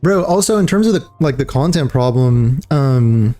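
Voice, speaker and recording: A man's voice: mid-range voice, expressive, normal speed, warm tone, soft background music. A young man streaming a game and chatting casually, rambling with lots of fillers and calling people dude and bro. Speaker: livestreamer. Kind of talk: casual gaming chat.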